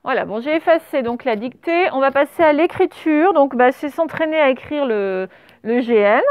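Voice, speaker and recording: A woman teaching a primary school class, correcting a dictation and spelling words out letter by letter with patient pauses. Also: sits high, animated, dry recording. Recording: dull lo-fi sound.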